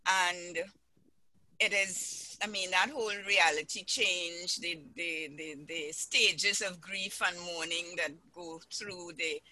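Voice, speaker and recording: Slow, bright-voiced, halting panelist. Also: mid-range voice, steady tone, no echo, low-quality recording. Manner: slow and halting, repeating words. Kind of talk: casual panel discussion.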